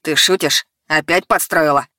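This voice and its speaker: A woman's voice: low-pitched, steady tone, moderate pace, a bit bright, dry recording, clean studio sound. A woman voicing a bewildered, furious teenage boy in an audiobook, speaking harshly and accusingly.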